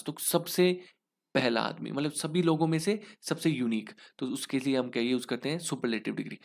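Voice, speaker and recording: A man's voice: medium pitch, gravelly. A young man with an Indian English accent, teaching an exam lesson in Hinglish and walking through each answer step by step, asking questions and answering them himself. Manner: explains step by step, asks then answers himself.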